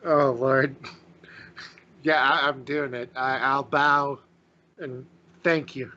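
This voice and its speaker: Slow, bright-voiced male player. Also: mid-range voice, steady tone, dull audio. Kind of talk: tabletop game play.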